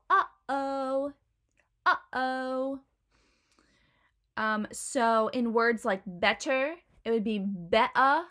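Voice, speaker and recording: A woman's voice: mid-range voice, fairly bright tone. A young woman hosting a casual video tutorial, explaining pronunciation step by step with examples and frequent ums. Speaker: host teaching accents.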